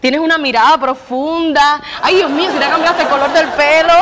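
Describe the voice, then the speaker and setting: Dramatic scheming wife played by a woman, put-on Mexican accent, very high voice, noisy crowd in the back. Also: steady tone, normal speed, lightly acted. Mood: flirty. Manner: dramatic, flirty.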